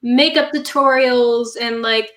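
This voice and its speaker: High-voiced woman in an echoey room. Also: fairly even intonation, takes it slowly, fairly bright tone. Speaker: horror host guest. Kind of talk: casual chat. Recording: roomy, echoing sound.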